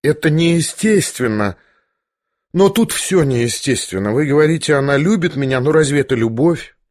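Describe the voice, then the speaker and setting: A gentle young prince speaks in a soft, pained, hesitant way, as a male audiobook reader plays him. His voice sits fairly high for a man, and the recording is dry and close. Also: expressive, normal speed, dry recording, close to an everyday voice. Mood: anguished. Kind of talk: audiobook character voice.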